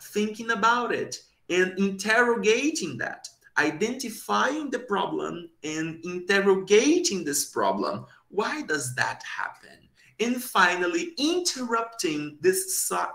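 A young man giving an academic conference talk over a video call, slow and deliberate, posing rhetorical questions. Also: on the high side, pushed and bright. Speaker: conference presenter. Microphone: webcam on video call. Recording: echoey room.

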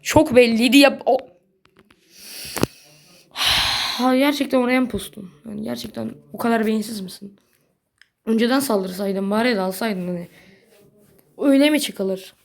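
A woman giving casual gameplay commentary in a blunt, slangy way, quick to get annoyed. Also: a little high, gravelly. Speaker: gaming video creator.

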